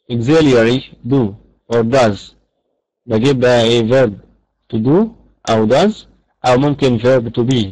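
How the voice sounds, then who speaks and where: Male English teacher with an Egyptian accent, online lecture, repeats examples aloud, mid pitch, dry sound. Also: darkish tone, no echo, rough recording. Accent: Egyptian Arabic.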